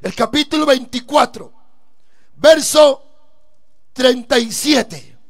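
Male preacher, very high voice, slow deliberate delivery, fervent sermon. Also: animated, gravelly. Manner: emphatic, preaching with shouted bursts. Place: church service.

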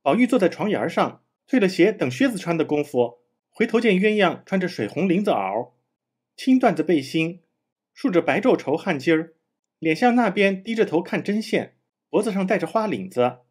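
A man reads a classic novel aloud, his husky voice sitting fairly high. His delivery is animated and sing-song, the pitch rising and falling through each sentence. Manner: measured storytelling.

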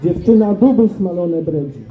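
A man's voice: high-pitched, lively intonation, moderate pace, roomy sound, phone-quality sound. A man reciting the lines of a stern old male sage who scolds a crowd, scornful and declamatory. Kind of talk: poetry recitation.

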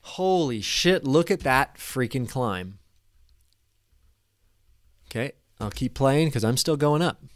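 A man in his thirties giving a casual, excited commentary over a replay of his own flight, at a desk microphone in a small room. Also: mid-range voice, slow, pauses often, no echo, studio quality. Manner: enthusiastic, casual, swears when excited. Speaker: paragliding vlogger. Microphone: desk microphone in front.

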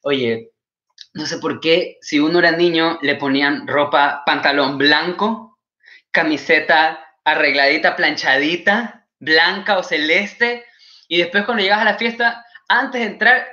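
Bright animated Ecuadorian comedian, roomy sound. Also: male voice, fairly high pitch, unhurried, lo-fi sound. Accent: Ecuadorian Spanish. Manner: animated, mimics scolding mothers in a shifted voice. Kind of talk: stand-up comedy, live stream.

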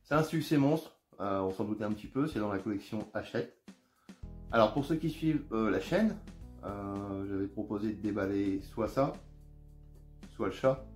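Chatty low-voiced man with a northern French accent. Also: moderate pace. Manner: chatty, relaxed, lots of hesitations. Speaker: channel host. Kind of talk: casual unboxing narration. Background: faint background music.

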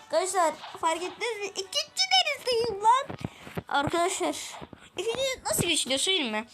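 A Turkish-accented woman commentating her gameplay to viewers, excitable, groaning and exclaiming as she plays. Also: very high-pitched, low-quality recording. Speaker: gaming channel host. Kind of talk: let's-play gameplay commentary. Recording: loud game music behind the voice.

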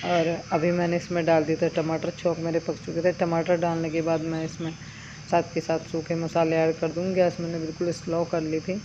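A woman's voice: low-pitched, completely flat delivery, a little fast. A woman chatting homely as she narrates her cooking step by step in a village home kitchen. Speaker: village vlogger. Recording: dull lo-fi sound with outdoor noise. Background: insects and crickets.

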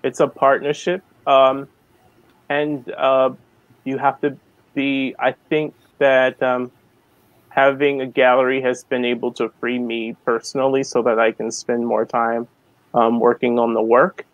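A man of forty from the American South, a guest artist talking slowly and hesitantly on a video call, with many ums. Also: medium pitch, level tone, no room sound, lo-fi sound. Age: 40s. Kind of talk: casual video-call interview.

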